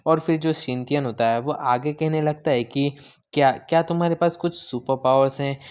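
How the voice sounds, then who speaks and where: Smooth-voiced man recapping a manga. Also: a little high, steady tone, moderate pace, a little mellow. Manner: retells scenes, briefly voicing each character's lines. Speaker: manga explainer. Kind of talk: casual recap narration.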